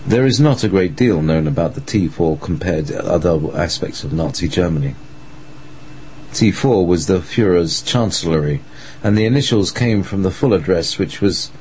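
A man's voice: deep voice, darkish tone, a little hiss or hum, poor audio. A man reading a scripted story as a dramatic narrator.

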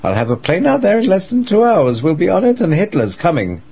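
A man's voice: high voice, very animated, normal speed, a little mellow, husky, pitched above the performer's own voice, full character voice. A man voicing a nervous, harried male aide to a dictator in a dramatised story. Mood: frantic, urgent.

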